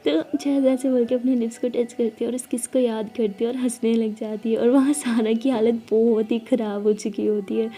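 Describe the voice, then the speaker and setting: A woman's voice: a little high, steady tone, normal speed, few pauses, warm tone. A woman narrating a love story in a chatty, casual way with conversational asides.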